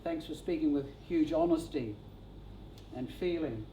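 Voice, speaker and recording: A man leading a funeral service, thanking speakers gently and introducing the next ones. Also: on the high side, slight background noise. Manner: gentle, measured. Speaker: funeral celebrant. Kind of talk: formal ceremony hosting. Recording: echoey room from a distance.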